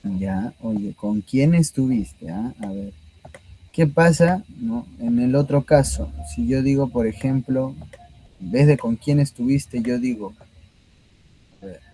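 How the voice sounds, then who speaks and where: A male teacher walks through a grammar lesson. His voice is mellow and slightly husky, and he explains patiently, sprinkling quick checks to see whether his listeners are following. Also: mid-range voice, rough recording.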